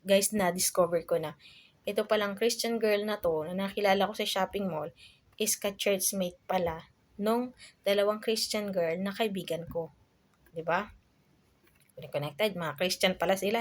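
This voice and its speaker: A young adult woman from the Philippines telling a personal story in a casual vlog, full of fillers and asides to her viewers. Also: mid-range voice. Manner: chatty, many fillers, addresses viewers as guys. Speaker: vlogger.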